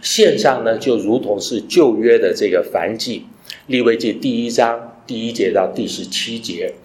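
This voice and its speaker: A man's voice: medium pitch, moderate pace, a little mellow. Man preaching a sermon in an echoey room. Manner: teaching, asks listeners rhetorical questions; mixes English phrases into his talk. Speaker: pastor.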